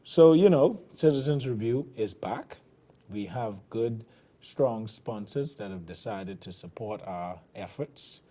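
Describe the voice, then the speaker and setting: Fairly low and dark in tone, his voice is expressive and slow-paced. The Bahamian host of a TV commentary show, speaking with a Bahamian accent, preaches fiery, emphatic political commentary in this television broadcast.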